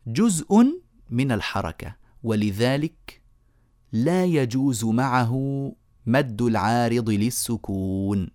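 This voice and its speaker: A man's voice: medium pitch, darkish tone, no echo, clean studio sound. Man teaching Quran recitation rules. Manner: explains step by step, asks students questions, chants verse examples slowly. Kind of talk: remote lecture on tajweed.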